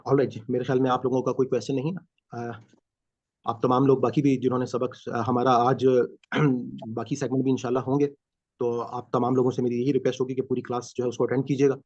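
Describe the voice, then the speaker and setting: A man's voice: medium pitch, no echo. Male teacher on a dull video call. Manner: calm explaining with many fillers. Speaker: Quran teacher. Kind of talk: online class lecture. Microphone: video call mic.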